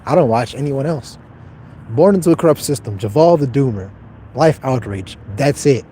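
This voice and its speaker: A young man in his twenties with a dark, mellow voice talks casually on a livestream. He answers viewers in a blunt, offhand way and swears freely. A faint hum of noise sits behind him. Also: medium pitch, animated, normal speed. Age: 20s. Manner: blunt, profane, detached and offhand. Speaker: livestreamer reading chat.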